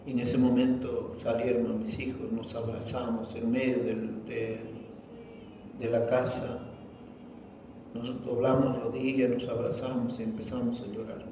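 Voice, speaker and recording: A man's voice: mid-range voice, flat delivery, measured pace, background noise. A man, a pastor, giving an emotional testimony sermon and acting out the dialogue of his story. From Peru. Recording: echoey hall, distant mic, dull lo-fi.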